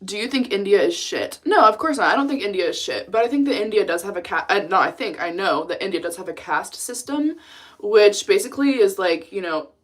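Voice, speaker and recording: A woman's voice: medium pitch, lively intonation, fairly quick. A young woman from the United States chatting casually on a live stream, blunt and talkative, laughing often as she reads the chat aloud. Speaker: livestreamer.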